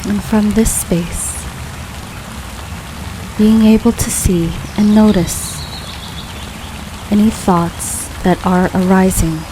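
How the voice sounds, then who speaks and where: A woman leading a guided grounding meditation in a calm, soothing, unhurried way, leaving long pauses between phrases. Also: medium pitch. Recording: steady rain noise behind voice. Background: rain falling.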